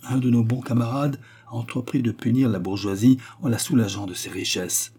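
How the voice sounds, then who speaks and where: A man's voice: medium pitch, steady tone, brisk, creaky, dark tone, slightly rough. A man voicing a pompous, self-important male underling giving a prepared speech in an audiobook. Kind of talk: audiobook character reading.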